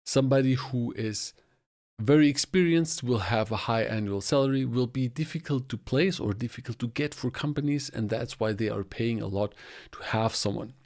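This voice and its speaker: A man's voice: medium pitch, moderate pace, darkish tone. Man in his forties hosting a solo podcast. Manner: explanatory, talks with his hands. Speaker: podcast host. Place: small home studio indoors. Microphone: podcast mic on boom arm, close.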